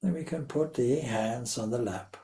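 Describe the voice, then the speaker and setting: A man acting as a spiritual teacher guides a meditation, speaking deliberately in brief phrases separated by long pauses. His voice is medium-pitched, mellow, and creaky.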